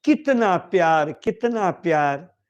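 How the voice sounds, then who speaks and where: A young divine man aches with longing for home , as a male storyteller voices him, his words wistful and near sobbing. The voice is high and drawn out very slowly. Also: expressive, highs cut off.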